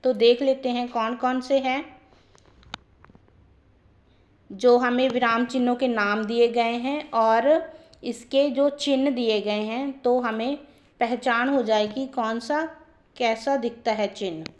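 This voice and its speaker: A woman is teaching a grammar lesson and explains each point step by step. She keeps her pace slow and repeats ideas so they sink in. Her voice sits a little high. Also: fairly even intonation.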